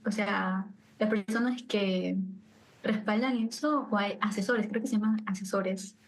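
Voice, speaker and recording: A woman from Ecuador, chatting as a podcast guest, laughing often and tossing in lively asides. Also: medium pitch, a little slow, a little hiss or hum, poor audio. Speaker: guest scientist. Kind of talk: casual podcast chat.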